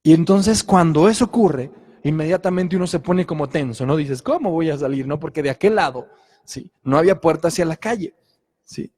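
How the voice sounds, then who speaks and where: A man's voice: on the high side, animated, brisk, darkish tone, big-room sound. A middle-aged man preaching a sermon, telling a personal story earnestly and checking in with listeners often.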